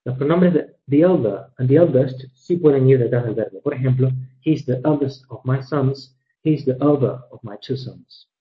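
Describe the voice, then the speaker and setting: A man teaching English grammar in a recorded lecture, measured and methodical, slowing down to read examples and correcting himself with fillers. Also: mid-range voice. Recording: dull lo-fi recording.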